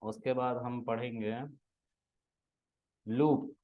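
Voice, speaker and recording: A man's voice: mid-range voice, level tone, slow pace, narrow, tinny audio. A man teaching a programming class, casually quizzing and teasing his students in a classroom. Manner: teasing, asks students questions and scolds them.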